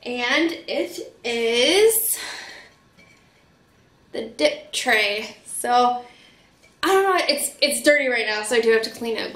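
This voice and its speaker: A chatty woman with a fairly high voice, recovering from a cold and talking through a casual haul video. Her talk is loose and full of fillers. The sound is echoey, as in a roomy home studio. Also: fairly bright tone. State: getting over a cold. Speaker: vlogger.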